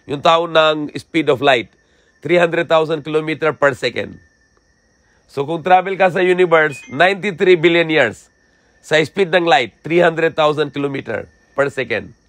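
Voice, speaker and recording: A man's voice: a little high, measured pace, fairly bright tone, dry recording. A man giving a religious lecture in simple, broken phrasing, asking rhetorical questions and checking in with "di ba?". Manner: rhetorical questions answered himself.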